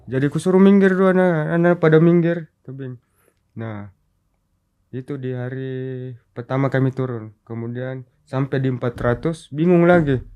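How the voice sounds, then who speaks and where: A man's voice: mid-range voice, normal speed, clean tone, phone-quality sound. A man recounting a mountain rescue in a casual interview, acting out quoted dialogue as he tells it. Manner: animated storyteller, acts out quoted dialogue. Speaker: rescue volunteer guest.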